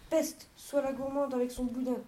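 A woman reading a peasant husband, mellow. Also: high-pitched, flat delivery, normal speed, slight background noise, natural voice, rough recording. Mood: angry. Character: poor, hot-tempered peasant husband.

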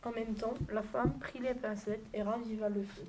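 A woman reading a fairy tale aloud in a fairly high voice, steady with a few small stumbles. Clear hiss and clicking noises sit under the reading. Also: normal speed. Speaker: narrator. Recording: noisy home recording with clicks.

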